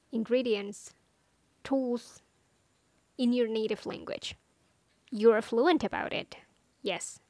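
Talking casually to her listeners, a non-native English speaker shares language-learning tips with playful self-deprecation. Her voice is a bit high and darkish, recorded without any room sound.

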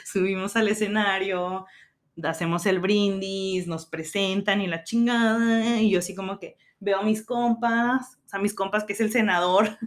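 A woman's voice: medium pitch, fairly even intonation, a little slow. Mexican woman in her 30s, podcast host, casual story, slangy, curses a lot, acts out what people said. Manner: slangy, swears freely, acts out quotes.

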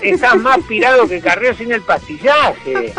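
A man's voice: high voice, very animated, bright, forceful tone, faint music behind. A man with a Rioplatense accent hosting a satirical radio monologue, mocking and sarcastic. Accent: Rioplatense Spanish. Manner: mocking, sarcastic, rapid-fire jokes. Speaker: radio host and humorist.

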